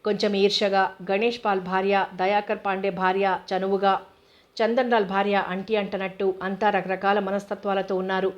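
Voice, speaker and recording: On a dull, lo-fi recording, a female narrator with a medium pitch reads from a novel. Her audiobook delivery stays measured and even throughout.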